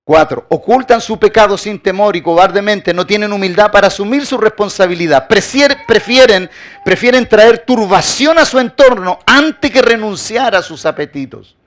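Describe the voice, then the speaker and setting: In a high, expressive voice at normal speed, a man preaches as pastor. Rhetorical questions and emphatic repetition carry his argument, with his volume often sinking at the close of a phrase.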